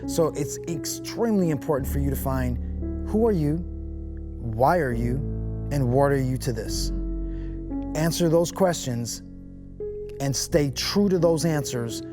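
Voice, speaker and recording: A woman dance teacher gives an emphatic, reflective motivational talk. Her voice is very low. Music plays clearly behind her. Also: lively intonation, unhurried, long pauses.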